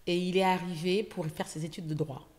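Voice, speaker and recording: A woman from Senegal, a guest entrepreneur, telling stories in a casual interview, lively, with many fillers. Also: lowish voice, a little fast. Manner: lively storytelling with frequent fillers. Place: podcast studio.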